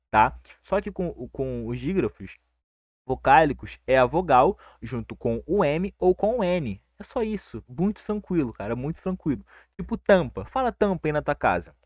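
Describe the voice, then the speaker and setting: A young Brazilian man teaching a casual grammar lesson, relaxed and reassuring, checking in with his listeners all the time. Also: medium pitch, dry recording. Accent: Brazilian Portuguese. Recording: dry, dull lo-fi recording.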